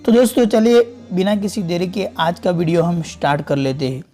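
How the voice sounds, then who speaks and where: A man teaching a Quran reading lesson step by step, slowly repeating and drawing out each example word. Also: sits high, fairly even intonation, warm tone, faint music behind. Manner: slow, patient, repeats and stretches out example words.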